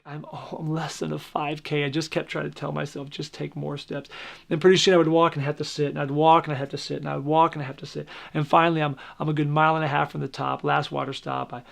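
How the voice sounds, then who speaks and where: A pastor telling his story in a documentary interview, candid and halting, often restarting his sentences. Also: on the high side, little pitch movement, vocal fry, fairly bright tone, a little hiss or hum.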